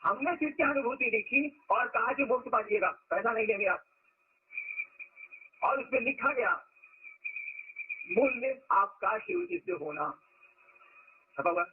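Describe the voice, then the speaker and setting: A man's voice: extremely high pitch, expressive, a little slow, vocal fry, long pauses, slightly rough, narrow, tinny audio. A man giving an informal spiritual discourse as a teacher, talking conversationally and asking rhetorical questions.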